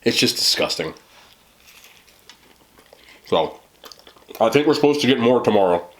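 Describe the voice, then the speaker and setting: A man's voice: mid-range voice, lively intonation, unhurried, a bit bright. A man in his thirties in casual, rambling mukbang chat, joking in slang and talking between bites as he eats. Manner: talks between bites while eating. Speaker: mukbang host. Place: small indoor room, seated at a table.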